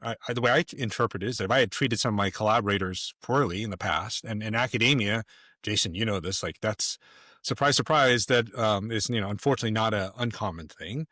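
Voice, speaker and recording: Guy rambling on a podcast, keeps restarting sentences, clear bright voice, dry room. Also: lowish voice, quick pace, no room sound. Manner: emphatic, rambling with frequent restarts. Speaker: podcast guest. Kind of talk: casual conversation.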